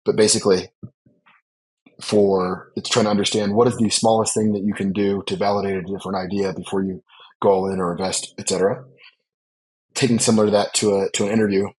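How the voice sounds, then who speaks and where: A man's voice: on the low side, flat delivery, fairly quick, darkish tone, husky, poor audio. A man speaking as a business leader guest on a podcast interview, earnest and reflective, stressing his points.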